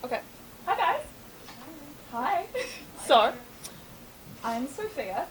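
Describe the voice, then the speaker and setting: Young woman, new zealand accent, chatty talk, high voice, distant mic in a roomy hall. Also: sing-song, extremely slow, heavy background noise. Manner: chatty, many ums and small laughs. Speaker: student speaker. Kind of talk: presentation talk.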